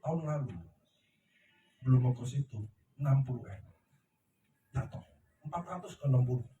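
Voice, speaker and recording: A man's voice: medium pitch, animated, moderate pace, warm tone, recorded from a distance, a little hiss or hum. Emphatic preachy man, echoey room. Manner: emphatic, preachy, asks the crowd "ngerti ya?". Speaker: company leader speaking to his team. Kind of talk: motivational talk to a live audience. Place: large room before a seated audience.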